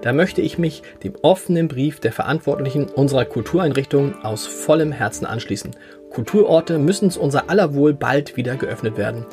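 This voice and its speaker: A man's voice: mid-range voice, animated, a little fast, darkish tone, faint music behind. A man hosting a podcast in casual chat, laughing often and restarting his sentences. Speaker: podcast host.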